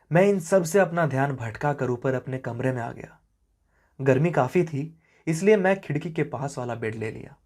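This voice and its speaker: A man narrating a horror story in a slow, suspenseful way that often sinks to a hush. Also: medium pitch.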